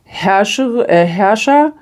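A middle-aged German woman reading tarot cards, chatting casually and telling an animated, self-deprecating story. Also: mid-range voice, slow. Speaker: tarot reader. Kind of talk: casual chat.

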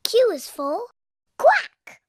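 A woman voicing a cheerful little girl piglet in a cartoon, bubbly and giggly with crisp British diction. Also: very high-pitched, huge pitch swings, extremely slow, no room sound, studio quality, exaggerated voice. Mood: playful. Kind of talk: cartoon voice acting. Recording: cartoon soundtrack with music behind.

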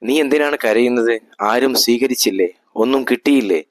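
A man's voice: medium pitch, normal speed, no echo, close to an everyday voice. A man voicing a proud, hot-tempered caliph in a spoken history story, commanding at times and pleading at others. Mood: questioning.

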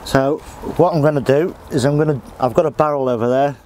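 A middle-aged allotment gardener gives a casual how-to demonstration outdoors, plain and practical, talking while he works. His voice is fairly high yet dark in tone, steady and brisk, with a faint background hiss.

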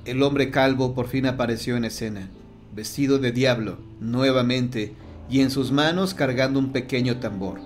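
A man reading a horror audiobook in a steady, measured storytelling voice. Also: mid-range voice, soft background music. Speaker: narrator. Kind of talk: scripted audiobook narration.

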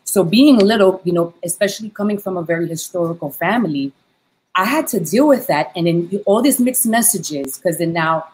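A woman's voice: fairly low pitch, animated, moderate pace, darkish tone, rough recording. Earnest woman on a video call. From New York, Haitian family. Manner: earnest, many "you know" fillers. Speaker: panelist, dancer. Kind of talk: casual panel chat on video call. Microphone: laptop mic on video call.

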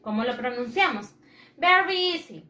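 A woman's voice: sits high, lively intonation, moderate pace, pushed and bright, echoey room. A woman teaching young children English, patiently repeating each phrase in English and then in Spanish and leading repeat-after-me drills. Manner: leads call-and-repeat drills. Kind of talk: bilingual children's English lesson.

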